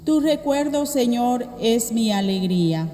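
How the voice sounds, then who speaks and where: A woman lector giving a slow, measured scripture reading at Mass, heard in a cathedral echo. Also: on the high side, expressive, warm tone, slight background noise. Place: large church. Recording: echoey church with long reverb.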